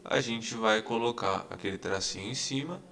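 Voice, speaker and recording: A man's voice: on the low side, normal speed, vocal fry, fairly bright tone. A man teaching English grammar in an online lesson. He explains patiently and repeats each example, checking in with his students again and again.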